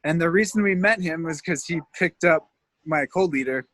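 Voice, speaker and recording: A man's voice: a little high, moderate pace, fairly bright tone, dry recording. A man from Canada, a tour guide, telling rambling stories in a casual interview, laughing often and leaning on fillers.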